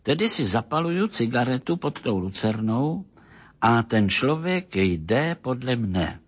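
A man reading a story aloud with a husky voice, in steady storytelling narration. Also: mid-range voice. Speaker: audiobook reader.

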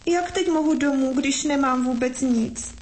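A woman's voice: high voice, a little mellow, slight background noise, pitched above the performer's own voice, close to an everyday voice. A woman voicing a small, sad little boy who pleads through tears in a storybook reading. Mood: tearful. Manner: tearful, pleading.

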